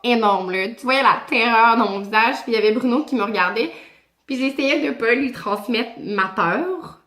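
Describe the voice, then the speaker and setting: Québécois woman vlogger, lively slangy storyteller, slightly high voice, roomy echo. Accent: Québécois French. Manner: animated, slangy, chatty. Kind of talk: casual storytime. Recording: echoey room.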